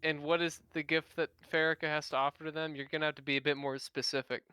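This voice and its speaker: A male tabletop player with a bright, very clear voice. He chats casually in and out of character, with music underneath. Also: fairly high pitch, level tone, quick pace, dry recording. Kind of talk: casual in-character role-play and table talk.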